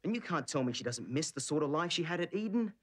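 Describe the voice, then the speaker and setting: A proud, determined boxer in a soap drama. His voice is on the high side for a man, lively in tune and earnestly insistent. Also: fast talker. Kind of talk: television soap drama acting.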